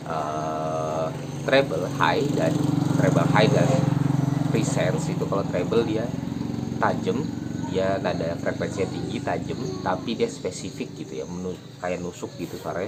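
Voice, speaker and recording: A man giving a relaxed, casual guitar tutorial, explaining step by step with fillers, recorded outdoors in a village. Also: sits low, very noisy. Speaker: guitar teacher. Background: crickets and insects, a passing motorbike.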